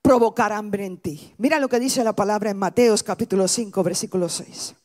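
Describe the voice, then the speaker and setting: A middle-aged woman pastor giving a sermon, preaching with passion and building to high-pitched shouts. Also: fairly quick.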